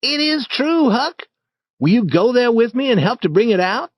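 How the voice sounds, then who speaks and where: A man voicing a bold, eager boy who leads an adventure, in a raised, boyish pitch with lively storybook acting. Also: moderate pace, no room sound, heavily acted. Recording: dry, slightly dull recording.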